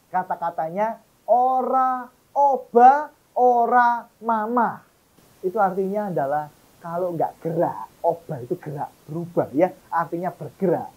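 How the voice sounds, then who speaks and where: A man from Surabaya preaching a sermon, animated and emphatic, often turning to address the congregation. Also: high voice, rough recording. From Surabaya, East Java.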